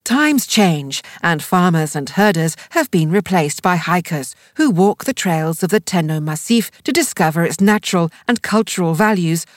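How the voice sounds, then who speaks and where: Low-pitched woman narrating like a nature documentary. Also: no echo, clean studio sound. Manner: measured, explanatory read delivery. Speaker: audio guide narrator.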